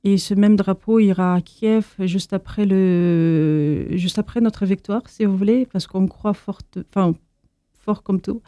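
A woman from Moldova answers interview questions in a halting way, often pausing and restarting. Her voice is very dark and mellow. The recording is dry and close. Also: mid-range voice, dry recording. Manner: hesitant, many fillers and restarts. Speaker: association founder.

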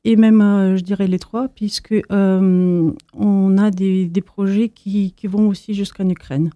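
A woman from Moldova answers interview questions in a halting way, often pausing and restarting. Her voice is very dark and mellow. The recording is dry and close. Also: medium pitch, steady tone, no echo. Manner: hesitant, many fillers and restarts. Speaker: association founder.

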